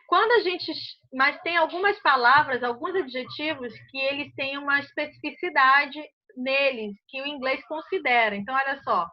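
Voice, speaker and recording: A Brazilian Portuguese woman explains grammar rules to a class, pausing often to ask if everyone understood. Her voice sits high. The recording sounds muffled and lo-fi. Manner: patient, checks understanding often. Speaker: English teacher. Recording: muffled lo-fi audio.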